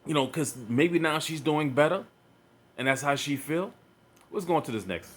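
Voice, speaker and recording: A man's voice: on the high side, normal speed, slightly rough. A man giving casual reaction commentary, rambling and repeating himself with many fillers.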